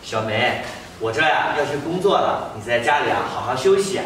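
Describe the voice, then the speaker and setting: A man plays a worried young husband who coaxes his wife gently in a short family drama. His voice is bright and mid-pitched. The recording has heavy room echo and faint noise. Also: expressive, moderate pace, close to an everyday voice. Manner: gentle, coaxing.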